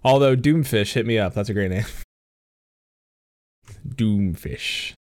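A young man with a lowish, darkish voice talks slowly as co-host of a casual gaming podcast. He's on a voice call using a computer mic, and the recording is dry and studio quality. Giggles, liberal swearing and many fillers run through his speech.

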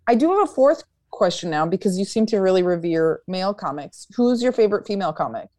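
Brief: female comic guest, animated lilt, dry close mic, teasing banter. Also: medium pitch, quick pace, no room sound. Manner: teasing, joking. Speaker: guest comedian. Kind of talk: casual chat. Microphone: studio microphone.

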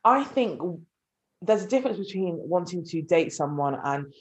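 A woman's voice: fairly low pitch, moderate pace. Blunt, swearing young London woman. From North London. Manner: blunt, heavy swearing, animated. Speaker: podcast co-host. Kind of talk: casual chat.

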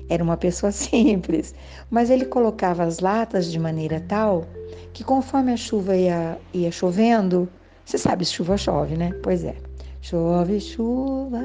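Gentle older woman telling memories. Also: medium pitch. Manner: gentle, musing, with soft laughs and asides to the listener. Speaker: vlogger. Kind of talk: reflective storytelling monologue. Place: home, indoors.

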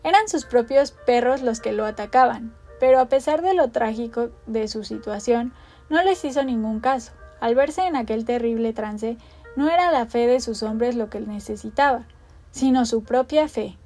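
High-voiced woman reading a storybook. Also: normal speed, dark tone, soft background music. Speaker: narrator. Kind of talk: storybook narration.

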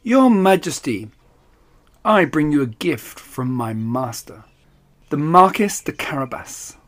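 A man's voice: fairly high pitch, big pitch swings, slow pace. A man voicing a cunning, bossy male talking cat in a storybook reading, purring and scheming. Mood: courtly.

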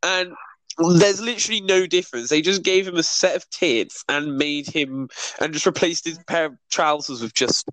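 A man with a fairly high voice, recorded close and dry with no room sound. He chats casually as a podcast co-host, laughing and tripping over his words as he restarts sentences. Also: moderate pace, a bit bright, dry recording, poor audio. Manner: stammering restarts, laughing, joking. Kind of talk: casual chat.

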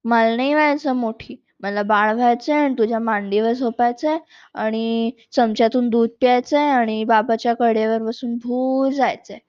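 A woman's voice: a little high, steady tone, moderate pace, a little mellow, dry recording, lightly acted. A woman voicing a sulky little girl who is jealous of a new baby, speaking in a whiny, pleading way in a storybook reading. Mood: petulant. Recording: dull lo-fi recording.

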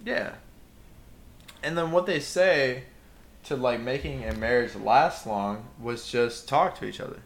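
A man in casual podcast chat, rambling and animated, swearing freely as he riffs on life and relationships. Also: medium pitch, measured pace.

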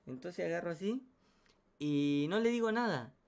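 A man with an Argentine Rioplatense accent telling a comic anecdote in a slangy, animated way, full of sound effects and asides. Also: high-pitched, moderate pace. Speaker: storyteller.

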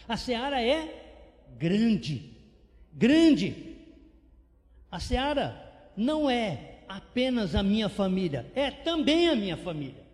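A man preaching a missionary sermon with animated, repetitive emphasis. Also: high voice, takes it slowly, long pauses. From São Paulo state, Brazil. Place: church sanctuary. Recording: long church reverb.

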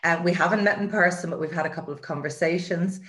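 A woman's voice: lowish voice, quick pace, fairly bright tone. A woman with an Irish accent hosting an interview in an effusive, encouraging way. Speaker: show host, mindset coach.

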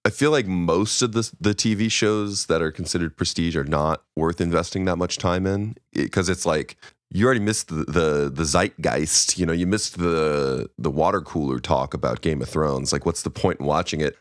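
Laid back young dude, low voice, casual podcast chat, dry room. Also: male voice, moderate pace, hardly any pauses, no room sound. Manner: easygoing, laughs often. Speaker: podcast co-host.

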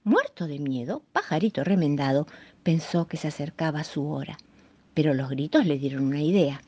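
Woman storyteller, children's tale, lively rising and falling voice, fairly low, muffled sound. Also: moderate pace, breathy edge. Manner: lively, expressive reading.

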